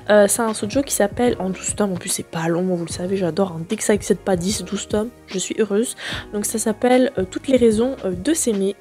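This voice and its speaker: A woman in her twenties hosting a casual, slangy chat about new manga releases, full of fillers and excitement. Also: mid-range voice. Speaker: manga booktuber host.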